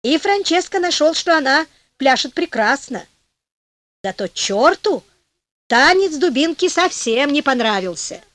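Woman storyteller, high and very animated, dry close sound, playful fairy-tale reading. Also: unhurried, no room sound.

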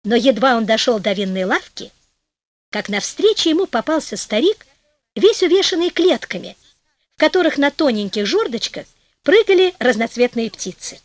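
Female storybook narrator, expressive and sing-song, dry studio sound. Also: fairly high pitch, moderate pace, no echo. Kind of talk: storybook reading.

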